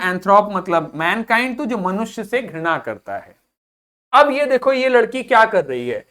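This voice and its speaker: Slow, patient man drilling pronunciation. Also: high voice, fairly bright tone. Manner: repeats each word slowly and asks the class to say it back; patient, quizzing questions to the students. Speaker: English vocabulary teacher.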